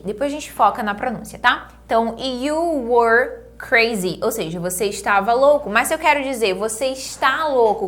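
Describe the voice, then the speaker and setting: A Brazilian woman teaches an online English grammar lesson in a slightly high voice. She explains patiently, asks questions and answers them herself. She says the English example words slowly and clearly. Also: fairly bright tone. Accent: Brazilian Portuguese.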